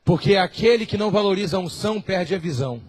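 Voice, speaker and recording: A man preaching a sermon in a Brazilian Portuguese accent, switching between quiet asides and shouted, acted-out quotes. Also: high-pitched, lively intonation, fast talker. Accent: Brazilian Portuguese, Rio de Janeiro area. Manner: impassioned preacher, acts out quoted voices and shouts. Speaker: apostle preaching.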